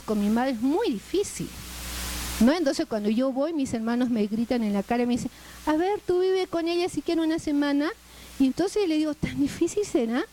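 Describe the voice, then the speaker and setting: Conversational Peruvian woman lecturer, high voice. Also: darkish tone, a little hiss or hum, low-quality recording. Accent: Peruvian Spanish. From Peru. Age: middle-aged. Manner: conversational, frequent "¿no?" tag questions. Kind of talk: lecture to a class.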